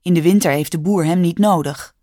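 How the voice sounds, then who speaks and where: A woman with a Dutch accent reading a children's story aloud in a calm, clear storytelling manner. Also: fairly low pitch, a little fast, dry recording. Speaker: narrator. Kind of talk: scripted storybook narration.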